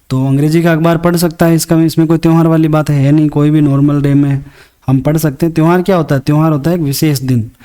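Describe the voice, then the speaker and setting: A man teaches a class worksheet, patiently walking through each sentence in Hindi. His voice sits a little high yet sounds mellow and relaxed. He reads the English lines slowly before translating them. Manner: patient, step-by-step explaining. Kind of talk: worksheet lesson explained in Hindi.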